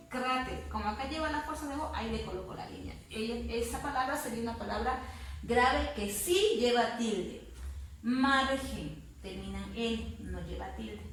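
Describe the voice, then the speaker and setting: A woman teaching a grammar lesson, explaining patiently and repeating words slowly syllable by syllable. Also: fairly high pitch, distant mic. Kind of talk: spanish grammar lesson to students. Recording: very echoey room, voice off-mic with faint noise.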